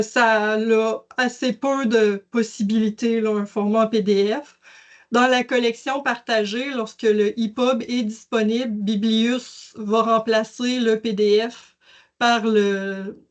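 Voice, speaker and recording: A woman's voice: on the high side, steady tone, slow. A woman presenting a webinar, explaining a digital library in a casual way with many fillers and restarts. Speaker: educational services presenter. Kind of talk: webinar software demonstration.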